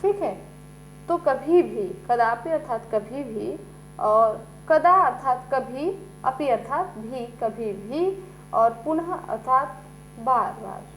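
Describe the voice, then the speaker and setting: Slow-speaking woman teacher. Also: high voice, animated, low-quality recording. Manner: repeats "ठीक है" often, explains step by step. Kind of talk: slow classroom explanation. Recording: faint mains hum.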